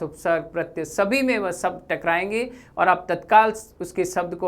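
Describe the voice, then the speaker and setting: A woman with a mid-range voice teaches Hindi grammar, explaining things deliberately and repeating key terms as she points to examples on a board.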